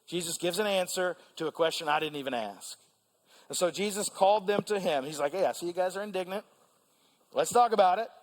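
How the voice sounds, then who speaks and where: Male preacher with a high-pitched voice, lively, prompts the congregation, recorded in a big echoing church. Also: a little fast. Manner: animated, asks the congregation questions. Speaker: pastor. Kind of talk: sermon. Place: large church hall. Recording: long church reverb.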